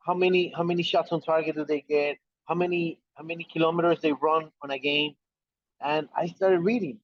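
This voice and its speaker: A man with an Ecuadorian Spanish accent talks about soccer over a video call. His voice sits a little high, and it comes through a dull, lo-fi line. The sound is dry and close, with no room around it. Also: no room sound. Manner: repeats words, friendly and self-assured. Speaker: soccer correspondent guest. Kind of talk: casual podcast chat.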